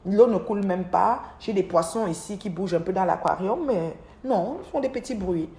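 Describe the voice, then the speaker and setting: A woman's voice: mid-range voice, normal speed, mellow. Chatty woman rambling in an echoey room. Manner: rambling, repeats words and restarts often; chatty, speaks straight to her viewers. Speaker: livestream host. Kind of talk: casual storytelling livestream. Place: at home, by an aquarium. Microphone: livestream device mic.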